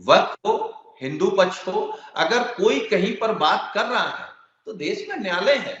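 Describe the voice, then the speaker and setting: High-voiced man arguing over an echoey line. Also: lively intonation, normal speed, a bit bright. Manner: argumentative, builds points with repeated lists. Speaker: opposition panel guest. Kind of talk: televised political debate. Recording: very echoey, dull remote feed.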